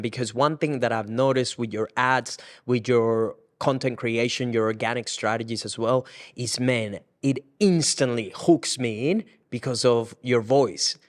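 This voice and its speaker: A man's voice: medium pitch, measured pace, hardly any pauses. A man hosting a casual podcast interview, enthusiastic and affirming toward his guest. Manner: enthusiastic, affirming, frequent agreement. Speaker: podcast host.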